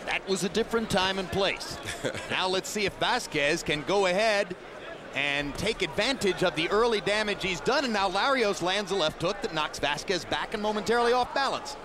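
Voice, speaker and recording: A man's voice: sits high, lively intonation, normal speed, crowd noise. A man giving live play-by-play boxing commentary from ringside. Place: ringside in an arena. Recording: noisy live arena broadcast.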